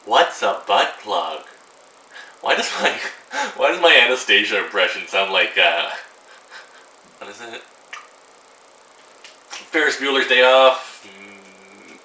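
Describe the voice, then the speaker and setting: A man's voice: medium pitch, big pitch swings, takes it slowly, long pauses, bright, forceful tone, roomy sound, far from the mic, rough recording. A teenage boy ranting to camera about a film, sarcastic and exasperated, swearing freely. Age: teens. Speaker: vlogger. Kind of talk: casual rant to camera. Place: room at home.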